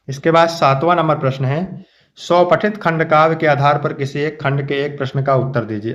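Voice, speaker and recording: Man teaching, slightly dull lo-fi sound. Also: a little high. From Uttar Pradesh, India. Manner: explains line by line, addresses students fondly. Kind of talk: exam-prep lesson.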